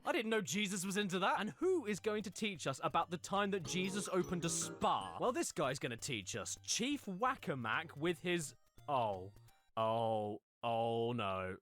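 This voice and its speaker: A man's voice: fairly high pitch, sing-song, measured pace, a bit bright, faint music behind. A man narrating a comedic game review in a sarcastic, mock-dramatic way. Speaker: video essay narrator.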